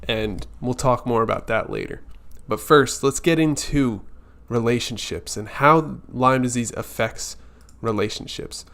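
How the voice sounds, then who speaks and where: A man's voice: mid-range voice, very animated, unhurried, vocal fry, a bit bright. A man hosting a weekly live stream, talking casually and earnestly, reassuring viewers directly.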